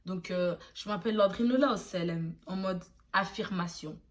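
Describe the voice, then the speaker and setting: A woman's voice: medium pitch, normal speed. A young woman from Belgium, chatting casually in a vlog and addressing viewers with loose slang. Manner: loose street slang, lively asides to viewers. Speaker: YouTuber.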